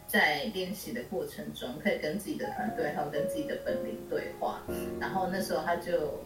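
A woman's voice: deep voice, brisk. Woman podcast host, blunt and joking, mic set back in an echoey room, music underneath. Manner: blunt, joking, animated storytelling. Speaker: spiritual teacher and podcast host. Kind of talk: casual chat. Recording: roomy echo, distant mic, music under.

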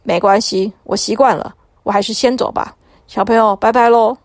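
A kind-hearted shark in a children's audio story, put on by a woman narrator. It speaks calmly and plainly in a mid-high voice. The recording is close and dry. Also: moderate pace, no echo, close to an everyday voice. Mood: resigned. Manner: reassuring, resigned. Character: fierce-looking but kind shark.

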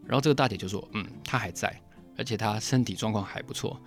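A man who works as a journalist and podcast host, telling a story in a lively, animated way and acting out the dialogue. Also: on the low side, fast talker, faint music behind.

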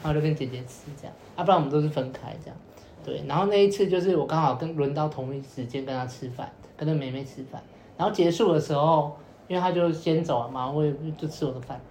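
A man's voice: a little high, fast, darkish tone. Rambling young man, roomy sound. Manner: rambling, many repeated fillers, acts out quoted lines. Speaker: podcast co-host telling a story. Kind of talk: casual storytelling chat. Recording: roomy echo with faint noise.

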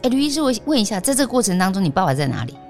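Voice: mid-range voice, sing-song, racing, faint music behind. A podcast host interviewing a guest, mostly giving short affirmations and reactions and sometimes asking questions.

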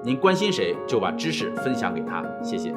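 A man hosting a book summary, retelling the story in an animated way and acting out the quotes. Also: medium pitch, fairly quick, loud music behind the voice.

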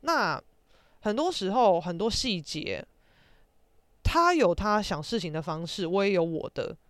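A woman's voice: medium pitch, expressive, a little slow, fairly bright tone, no echo. A young woman with a Taiwanese Mandarin accent, hosting a podcast and ranting animatedly in casual storytelling, with some casual swearing. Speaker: podcast host.

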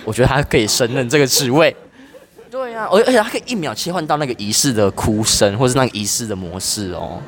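A man, telling stories fast and with lots of feeling in a casual podcast chat. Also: medium pitch. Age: 20s. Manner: animated, fast storytelling with laughs. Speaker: podcast host.

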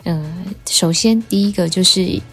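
A young Taiwanese woman with a slightly low voice talks casually as a host, wearing a dental retainer that makes her words a touch wet. She rambles, pauses and corrects herself as she goes. Music plays behind her. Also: a bit bright, breathy edge. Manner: rambling, halting, self-correcting with giggles. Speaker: podcast host. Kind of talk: casual chatty monologue.

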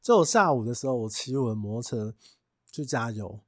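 A young adult man hosting a casual podcast monologue, a chatty storyteller who is amused and quick to laugh. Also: mid-range voice, expressive, no room sound, studio quality. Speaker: podcast host.

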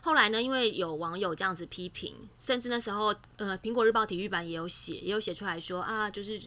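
Bright, fast-talking woman telling stories. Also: medium pitch. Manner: animated storyteller, acts out quotes. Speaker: podcast guest, former sports broadcaster. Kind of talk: casual podcast chat.

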